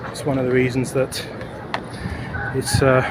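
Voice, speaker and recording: Out of breath on a walk through city streets and a park, a man vlogs in chatty, meandering fashion, leaning heavily on fillers. His mid-range voice is completely flat and measured in pace. The outdoor mic picks up traffic and city ambience.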